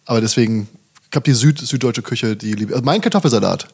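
A man from the Bergstraße region hosts a podcast in a relaxed, chatty manner. His voice has a gravelly, creaky edge. He puts friendly questions to his guest. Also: medium pitch, quick pace. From Bergstraße area, southern Germany. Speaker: podcast host. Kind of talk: casual chat.

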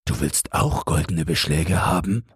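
Man doing a gruff, curt blacksmith. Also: sits low, measured pace, dry recording, studio quality, heavily acted. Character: gruff, blunt male blacksmith. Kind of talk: storybook reading.

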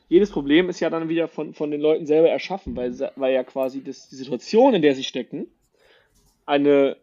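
Fast-talking man on dull lo-fi audio. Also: mid-range voice, warm tone. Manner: talks in quick loose restarts. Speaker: podcast co-host. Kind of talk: casual podcast discussion. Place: shared house in Marbella.

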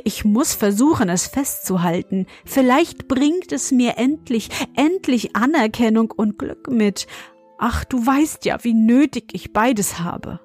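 A woman's voice: fairly high pitch, lively intonation, a little slow, a little mellow, husky, faint music behind, pitched above the performer's own voice. A woman voicing a yearning, insecure male poet in a storybook, speaking in a pleading, wistful way.

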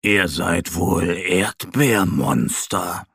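A man voicing an amused, gentle bear father in a children's story. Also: low-pitched, extremely slow, vocal fry, breathy edge, no echo, clean studio sound, exaggerated voice.

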